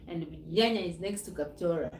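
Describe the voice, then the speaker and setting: A woman's voice: fairly low pitch, brisk, roomy sound, background noise. A woman from Uganda, chatting casually on her live stream, rambling and repeating herself. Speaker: livestream host. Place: noisy home with kids nearby.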